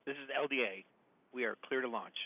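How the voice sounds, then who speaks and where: A man's voice: medium pitch, fast talker, pushed and bright, low-quality recording. A man giving a brief, clipped call-out as a range official over a launch radio loop.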